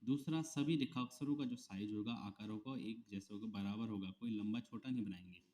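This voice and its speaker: A man teaching shorthand, calmly naming each stroke and repeating it step by step. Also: fairly low pitch. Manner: slow, repetitive dictation of strokes. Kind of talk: step-by-step tutorial explanation.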